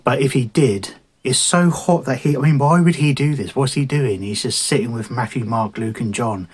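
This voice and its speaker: Husky bloke rambling through viewer questions, swears casually, laughs at himself. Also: male voice, medium pitch, normal speed, a little mellow. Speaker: artist answering viewer questions.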